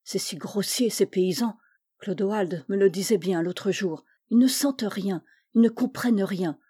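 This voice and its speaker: A woman voicing a proud, disdainful young noble girl in a storybook reading, speaking in a sharp, petulant manner. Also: mid-range voice, measured pace, breathy edge. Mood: resentful.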